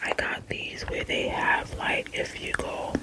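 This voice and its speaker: An ASMR creator whispering casually to viewers, rambling and hesitant as if thinking aloud. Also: a little slow.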